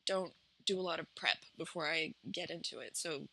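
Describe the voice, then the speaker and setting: A woman with an Appalachian accent chatting casually and unscripted as a vlog host, in a halting, reflective, self-conscious way. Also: low-pitched, vocal fry, sharp tone. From Appalachian United States. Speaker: vlog host and small business owner. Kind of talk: casual, unscripted chat to camera.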